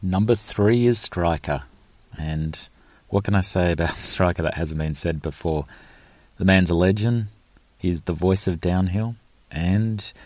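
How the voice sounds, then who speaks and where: A man telling an animated story, enthusiastic and rambling, with many fillers and restarts. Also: sits low, no room sound. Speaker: event organiser.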